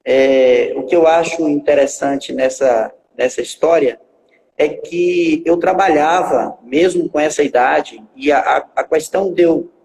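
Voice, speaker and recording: A guest pastor in his forties tells his life story on a live stream, his fairly high, gravelly, darkish voice halting through fillers, repetitions and restarts. He seems a bit distant from the mic in a room with a long reverb tail, over a faint hiss.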